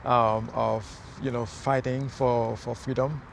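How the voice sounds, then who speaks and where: Man, from Haiti, gravelly, slightly high voice, earnest and halting, faint street noise outdoors. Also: flat delivery. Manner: earnest, hesitant, many fillers. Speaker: mayoral candidate. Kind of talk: casual interview. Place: outdoors in a city near traffic.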